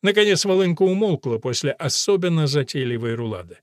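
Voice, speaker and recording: A man narrates an audiobook in a measured storytelling manner. His voice sits a little high for a man, and the recording is close and dry with no room sound. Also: animated, dry recording. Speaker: audiobook reader. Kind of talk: scripted narration.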